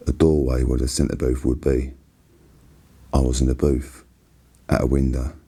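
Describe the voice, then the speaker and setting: A man with a Cockney accent reads a novel aloud in a soft, hushed ASMR style, husky and unhurried. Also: extremely low pitch. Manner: hushed, unhurried, even narration.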